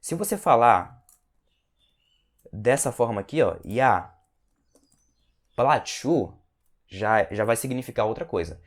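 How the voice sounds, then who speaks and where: A man with a Brazilian Portuguese accent teaching a Russian lesson, who repeats words slowly and keeps checking in with a quick "tá?". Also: medium pitch, big pitch swings. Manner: ends phrases with a checking "tá?". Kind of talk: language lesson.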